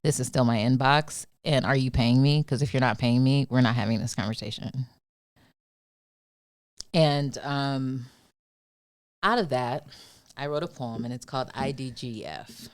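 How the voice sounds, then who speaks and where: A woman's voice: a bass voice, measured pace, pauses often, no room sound, studio quality. A woman from Detroit, a podcast guest, reading a spoken word poem in a defiant, rhythmic delivery. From Detroit, USA.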